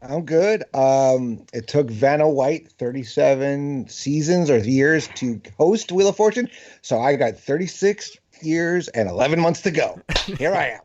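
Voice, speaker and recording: A man's voice: fairly high pitch, animated, measured pace, a little mellow, lo-fi sound. A man who produces a podcast, chatting casually with dry humor. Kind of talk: casual chat.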